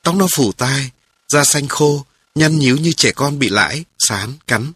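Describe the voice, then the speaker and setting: A man calmly narrating a memoir aloud in a measured storytelling voice. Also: mid-range voice, slightly rough, dry recording.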